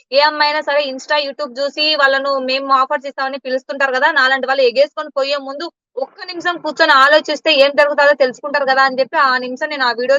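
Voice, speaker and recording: A woman's voice: high voice, sharp tone, no echo, muffled recording. A woman giving blunt, indignant answers in an interview. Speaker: interview guest.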